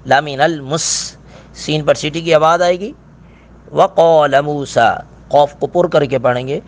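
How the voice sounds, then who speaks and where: A middle-aged male teacher giving a recitation lesson in a fairly high voice. He explains each pronunciation rule in a plain, steady way, then chants the verse slowly and draws out the sounds.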